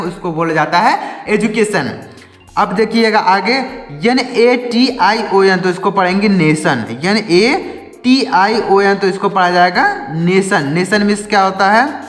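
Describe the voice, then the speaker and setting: A man's voice: high-pitched, fairly bright tone. A man teaching English vocabulary in Hindi, spelling each word letter by letter, asking questions and answering them himself, over faint music. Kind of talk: spoken Hindi lesson. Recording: echoey room with long reverb.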